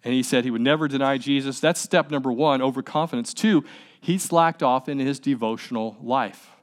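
A man's voice: mid-range voice, a little fast. Conversational male preacher. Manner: conversational preaching, rhetorical questions to the audience; repeats words and restarts while stressing points. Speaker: pastor. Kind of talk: sermon.

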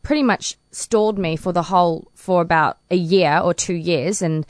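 Chatty New woman, low voice. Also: moderate pace, dry recording, clean studio sound. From New Zealand. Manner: chatty, laughs often. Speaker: interview guest, para swimmer. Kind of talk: casual interview answers.

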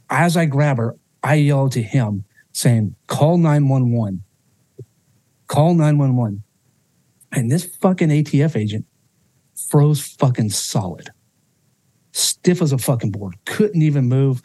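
A man speaks as a podcast guest with a mellow, relaxed tone in a dry, close-sounding room. He tells a personal story with raw emotion, swears freely and often restarts his sentences. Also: medium pitch, husky, dry recording.

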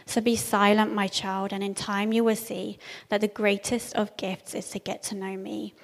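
A woman with a calm, gentle, earnest delivery, reciting devotional verse and prayer as a church speaker. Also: mid-range voice, normal speed, gravelly. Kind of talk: reciting a devotional poem and praying aloud. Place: large church room. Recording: long hall reverb.

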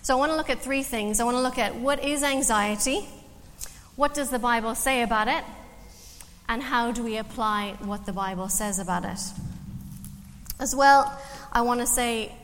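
A woman in her forties speaks with a Canadian accent carrying a slight Irish twang, her voice a little high. She gives a friendly, self-deprecating talk in a church, with plenty of ums. The sound has a long hall echo and a faint background hiss. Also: normal speed, a bit bright. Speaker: guest speaker at church, counselor.

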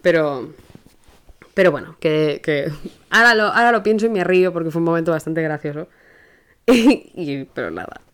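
A young woman with a Spain Spanish accent hosts her own podcast, speaking in a slightly low voice. She tells anecdotes in an animated, chatty way, stumbling and restarting as she goes. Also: clear, resonant tone. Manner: animated, rushes and restarts while telling an anecdote. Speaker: podcast host. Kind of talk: casual storytelling monologue.

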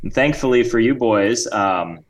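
Rambling deadpan male podcast host. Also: medium pitch, moderate pace. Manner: rambling and hesitant, full of ums, deadpan jokes. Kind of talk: casual comedic banter.

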